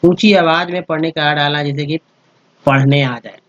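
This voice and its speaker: A man with a fairly high voice gives a spoken lesson over slides. He goes step by step, spells letters out and repeats each word. The recording is dry and a little dull. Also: fairly even intonation, moderate pace, a bit bright, dry recording. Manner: addresses viewers as friends, checks with "ठीक है". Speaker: English teacher.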